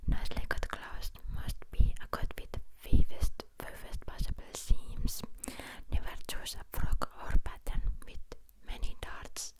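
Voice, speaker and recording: A woman reads a book aloud as ASMR, whispering close to the listener's ear in a halting way and stumbling over words now and then. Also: low-quality recording. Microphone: close ear-to-ear ASMR microphone.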